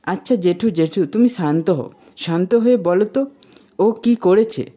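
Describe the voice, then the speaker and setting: An impatient young husband who keeps complaining and pressing for answers, as a woman reads his lines in a retold TV serial. The voice sits low and mellow. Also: a little slow. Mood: exasperated.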